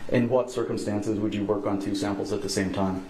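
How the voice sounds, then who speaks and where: A man's voice: on the low side, brisk. A man working as prosecutor questions a witness in a formal, polite way, heard in a courtroom recording. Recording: roomy courtroom sound with steady noise.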